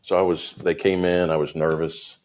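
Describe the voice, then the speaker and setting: A man's voice: low voice, moderate pace. A middle-aged man, a guest entrepreneur, telling his business story in casual conversation and voicing the people in it. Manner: animated, voices the people in his stories.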